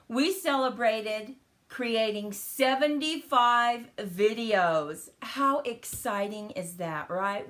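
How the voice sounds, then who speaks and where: Here the card-making host's voice is high and fairly bright. Welcoming and talkative, she runs a live stream mixing chat with a crafting demo, though the flu has left her sounding a bit crackly.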